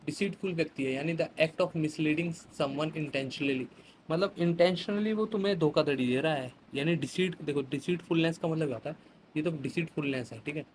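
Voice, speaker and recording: A man's voice: fairly high pitch, moderate pace, slight background noise, poor audio. Chatty male teacher explaining vocabulary. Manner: chatty, explains with everyday examples, mixes English words into Hindi. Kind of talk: vocabulary lesson.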